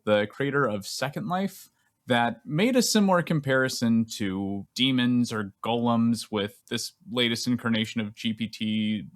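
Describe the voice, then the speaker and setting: A man who is a podcast producer, earnestly setting up a long question for a guest with some fillers. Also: fairly low pitch. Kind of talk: reading a prepared question.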